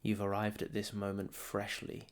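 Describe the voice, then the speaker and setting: Here a man teaches through guided meditation, his delivery gentle and measured, short lines broken by long pauses. The voice is lowish and monotone, clear and resonant.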